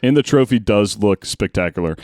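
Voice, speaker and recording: A man hosts a casual podcast and presents awards with plenty of giggling and jokes. His pitch swings freely up and down. The sound is dry and close, with no room around it. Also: expressive, brisk, a little mellow, dry recording. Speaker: podcast host. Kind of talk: casual chat.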